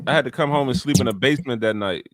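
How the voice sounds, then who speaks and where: A man's voice: mid-range voice, rapid-fire, a bit bright, dry recording, studio quality. A married man co-hosting a casual sports talk show, telling stories in a laid-back way. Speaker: podcast co-host.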